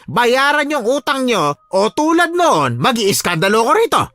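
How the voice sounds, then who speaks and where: A man voicing an angry, pushy older male moneylender who scolds and shouts in a radio drama. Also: extremely high pitch, very animated, normal speed, no echo, exaggerated voice.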